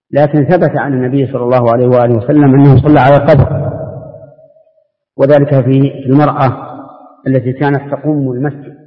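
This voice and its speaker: A man, a religious scholar answering questions in an open session, explaining in a measured, step-by-step way. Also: mid-range voice. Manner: measured, explanatory, restarts words. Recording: tinny lo-fi tape with long hall reverb.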